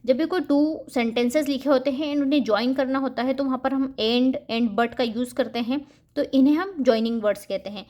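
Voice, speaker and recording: A woman hosting a home-schooling channel, explaining a first-grade English syllabus to parents and reading example sentences out slowly. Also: high voice, darkish tone. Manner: mixes Hindi with English words, reads example sentences slowly.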